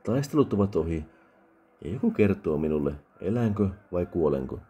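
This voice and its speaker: A man voicing a frightened young noble girl, speaking timidly with a raised pitch. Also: big pitch swings, dark tone, husky, exaggerated voice.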